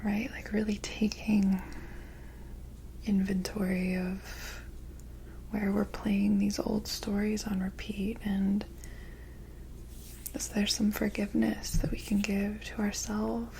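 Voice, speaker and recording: An airy, breathy woman whispers slowly over faint ambient noise. It is a whispered role-play of a mystical energy healer, gentle and soothing. Her delivery stays very even and unhurried. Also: medium pitch, rough recording. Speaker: ASMR reiki energy healer.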